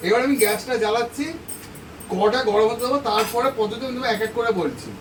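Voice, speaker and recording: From his kitchen stove, a man running a home cooking channel walks viewers through a recipe step by step, repeating every instruction and addressing them directly. His voice is extremely high-pitched and fast, picked up from a distance off the mic. Background noise includes frying sizzle and stirring.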